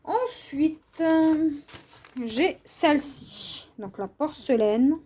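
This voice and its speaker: A woman hosting her own craft channel, showing her cross-stitch canvases in a casual, unhurried vlog, hesitant and full of fillers. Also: high-pitched, lively intonation, warm tone. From France. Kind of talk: casual show-and-tell vlog.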